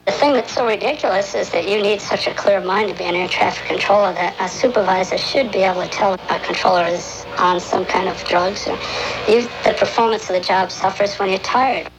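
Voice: medium pitch, brisk. An air traffic controller speaking anonymously through an electronically disguised voice, blunt and exasperated, in a radio news clip.

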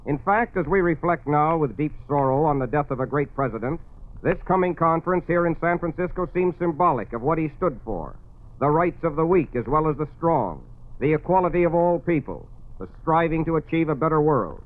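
Male commentator from an old 1940s radio broadcast, slightly high voice, narrow tinny sound, solemn and measured. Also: expressive. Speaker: news commentator.

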